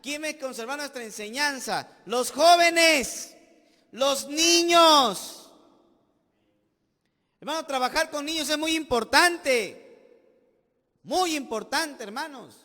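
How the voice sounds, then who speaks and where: High-voiced Peruvian pastor preaching. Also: male voice, moderate pace. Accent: Peruvian Spanish. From Peru. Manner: emphatic preaching with rhetorical questions and sudden loud bursts. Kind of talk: sermon. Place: church sanctuary. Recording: long church reverb.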